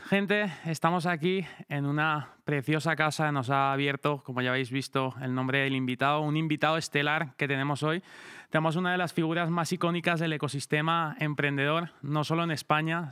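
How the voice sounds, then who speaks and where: A man's voice: a little high, fairly bright tone, smooth, no echo, clean studio sound. An upbeat young man hosting an interview, introducing his guest and asking questions with enthusiasm. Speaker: interview host. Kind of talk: podcast interview.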